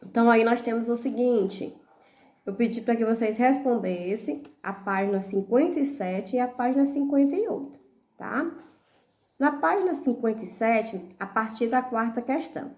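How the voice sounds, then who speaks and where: A woman with a Brazilian accent teaching young children. She corrects homework slowly and patiently, spelling out syllables letter by letter and often checking in with "tá bom?". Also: fairly high pitch, darkish tone, echoey room. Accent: Brazilian Portuguese. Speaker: primary school teacher. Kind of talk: recorded lesson, correcting homework.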